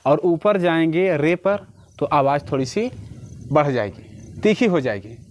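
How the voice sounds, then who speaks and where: A man's voice: fairly high pitch, lively intonation, unhurried, darkish tone, slight background noise. A man giving a one-on-one harmonium lesson, patiently explaining and checking that the student follows. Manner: sings short phrases to demonstrate notes. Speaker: music teacher.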